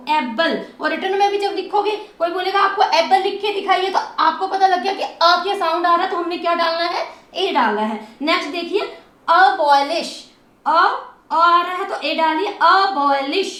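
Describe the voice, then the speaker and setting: A woman teaching English phonics, stretching sounds slowly and spelling words letter by letter. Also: very high voice, fairly bright tone, roomy sound. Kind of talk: phonics lesson.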